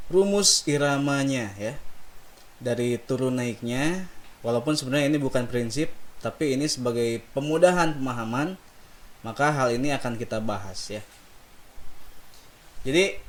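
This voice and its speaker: A man teaching Quran recitation melody, explaining slowly and patiently and singing sample phrases for students to repeat. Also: mid-range voice. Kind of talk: recitation lesson with call and response.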